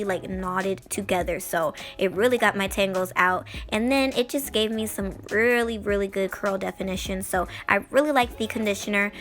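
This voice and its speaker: A woman talks through a casual product review in an informal, chatty way. Her voice is a little hoarse from a cold and sits at a middle pitch, with faint music playing underneath. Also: fairly bright tone. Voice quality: slightly hoarse. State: recovering from a cold. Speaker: beauty vlogger.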